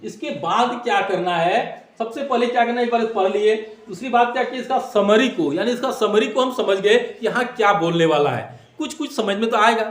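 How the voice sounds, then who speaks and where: This man's voice sits high and moves fairly quickly, with few pauses. He teaches exam tips in a classroom manner, going over points again, asking rhetorical questions, and mixing in English phrases. The room has a noticeable echo.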